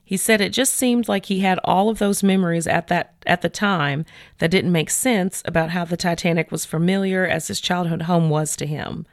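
A woman hosting a podcast, retelling a case in a chatty, animated way with many fillers. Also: fairly low pitch, moderate pace, dry recording, clean studio sound. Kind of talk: casual storytelling chat.

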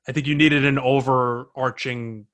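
Male podcast co-host, casual, profane, chuckling, halting delivery. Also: mid-range voice, fairly even intonation, a bit bright. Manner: profane, laughs often, halting restarts. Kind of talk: casual movie review chat.

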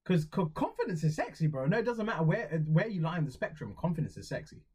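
A man's voice: a little high, big pitch swings, fast, a little mellow, husky. A young man co-hosting a podcast, chatting casually with swearing and mock-outraged rants. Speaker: podcast co-host. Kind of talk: casual chat.

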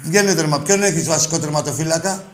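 A brash male call-in host with a slightly high voice and a roomy studio sound. He argues with callers in crude, teasing banter and pushes back hard. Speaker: sports radio call-in host. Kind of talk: heated call-in argument.

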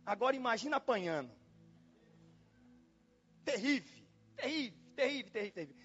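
A pastor preaching in a church, telling a personal story in a dramatic way, exclaiming and repeating himself. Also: male voice, extremely high pitch, sing-song, moderate pace, a bit bright. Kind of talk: storytelling sermon. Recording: dull lo-fi sound with faint music.

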